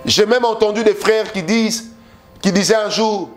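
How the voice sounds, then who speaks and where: A man with a Congolese French accent preaches a sermon, driving his points home through repeated phrases and rhetorical questions. His voice sits high and he keeps a moderate pace, with faint music behind him.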